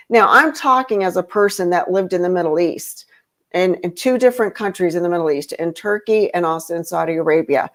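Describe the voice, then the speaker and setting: A woman talking casually as a podcast guest, rambling with lots of fillers and restarts. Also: medium pitch. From grew up in Europe. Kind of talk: casual conversation.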